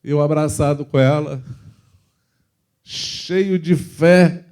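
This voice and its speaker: A man with a Brazilian accent preaching a testimony in church, moving between loud and soft passages as he tells his story. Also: a little high, drawn-out words, clean tone. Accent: Brazilian Portuguese. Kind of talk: sermon testimony.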